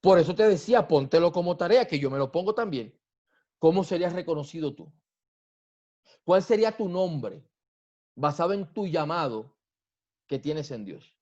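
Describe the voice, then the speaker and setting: A man with a Colombian accent, a pastor preaching a teaching sermon slowly, repeating key words and swinging from loud to soft. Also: fairly high pitch, lively intonation, lo-fi sound. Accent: Colombian Spanish. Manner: slow teaching delivery with repetition and wide swings in loudness. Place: church sanctuary.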